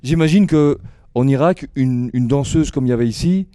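A man's voice: medium pitch, normal speed, warm tone. A man hosting a casual festival radio interview, improvising with hesitations and encouraging his guests.

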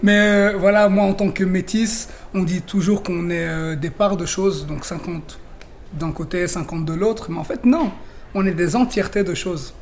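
A man's voice: sits high, fairly even intonation, normal speed, a little hiss or hum. A young man from Belgium, a rapper guest in a radio interview, talking chattily with many fillers and restarts.

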